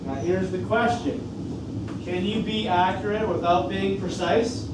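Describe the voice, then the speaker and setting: A high-voiced man with a North Dakota accent gives a classroom lecture, often stopping to check in with brief questions. He is recorded far from the mic in a strongly reverberant room, with clear background noise. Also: steady tone, measured pace. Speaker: science teacher. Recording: echoey classroom from far off, noisy.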